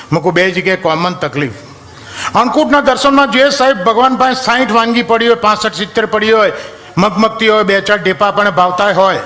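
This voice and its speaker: A man with a Gujarati accent doing stand-up comedy on stage, telling stories in a lively way and breaking into drawn-out snatches of film songs. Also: high voice, slight background noise.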